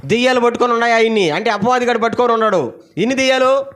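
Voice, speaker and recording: A middle-aged man preaching a Sunday sermon, calling out to the congregation for responses, firing off rhetorical questions and swinging between loud exclamations and low asides. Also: very fast. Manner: asks the audience many rhetorical questions. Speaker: pastor.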